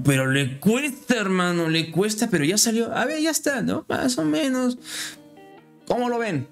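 Lively man streaming. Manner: lively, friendly, jumps in pitch when excited. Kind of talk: casual live-stream chat.

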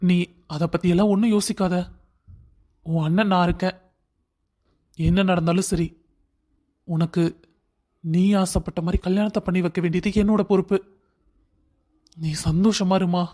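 A man voicing a protective, reassuring older brother in a cartoon story, firm and steady. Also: high-pitched, normal speed, pauses often, natural voice. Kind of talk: cartoon voice acting.

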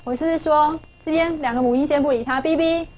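A middle-aged woman with a high voice teaches a phonics lesson. She keeps asking her pupils questions and repeats the key points to drive them home. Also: fairly even intonation, quick pace, darkish tone, slight background noise, low-quality recording. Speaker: English teacher.

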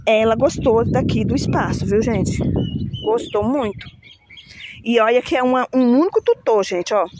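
Female vlogger with a higher voice and a chatty, self-mocking, casual delivery, among potted plants with faint birdsong behind her. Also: a little hiss or hum. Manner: chatty, self-mocking about pronouncing names. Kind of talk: casual chat to viewers.

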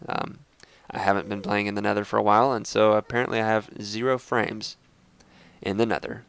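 Low-ish and fairly bright, with vocal fry, this young man's voice is stuffy from clogged sinuses. Playing Minecraft for a let's play, he rambles chattily through casual commentary and addresses his audience as guys.

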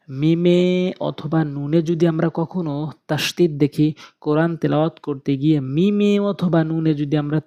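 A man with a Bengali accent teaching Quran recitation in a video lesson, spelling out Arabic letters slowly syllable by syllable. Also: a little high, mellow, lo-fi sound. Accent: Bangladeshi Bengali.

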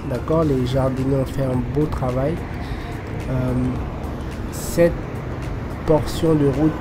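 Guy slowly talking thru a walking tour by a busy road, lots of ums, music and traffic behind. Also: medium pitch. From Côte d'Ivoire. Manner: slow, hesitant, many fillers. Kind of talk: casual walking-tour narration. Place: outdoors beside a busy city road. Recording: background music and traffic noise.

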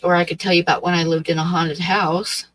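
This livestream host is a woman in her sixties from Oregon, talking loosely with viewers in the chat from a small, dim room with fabric draped on the wall. Her speech wanders, halting and packed with fillers. She speaks a little fast in a lowish, level, slightly bright voice, with no room sound.

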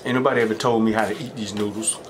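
A man's voice: lowish voice, fairly even intonation, rapid-fire. Southern US man rambling over a noisy recording. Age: middle-aged. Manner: folksy, rambling storytelling with repeated catchphrases; talks between mouthfuls of food. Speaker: mukbang host. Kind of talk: casual chat while eating.

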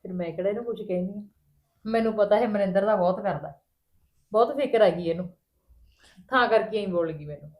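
An actress plays a sister-in-law in a family drama, soft-spoken and hurt. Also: female voice, mid-range voice, brisk, pauses often, close to an everyday voice. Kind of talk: Punjabi family drama acting. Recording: echoey room.

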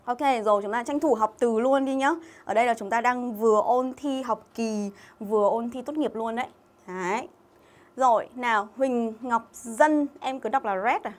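A woman from Vietnam gives a live English review lesson, her voice sitting a little high. She is chatty and keeps calling out viewers' names from the comments between explanations. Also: moderate pace. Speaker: English teacher. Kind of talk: livestream exam-review lesson.

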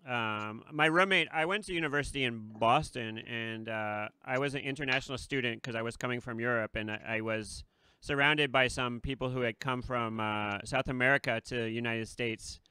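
A man hosts a casual interview in a small studio with a red curtain, using a desk mic and headphones. His medium-pitched voice moves at a normal speed with a sharp tone, and the recording is smooth and dry. He's chatty, laughs between remarks, and uses many fillers.

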